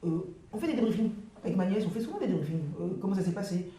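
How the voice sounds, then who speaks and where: Earnest middle-aged woman, dark and quick. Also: mid-range voice, animated. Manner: earnest, repeats words while searching. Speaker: panel guest. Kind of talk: casual discussion. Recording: roomy echo.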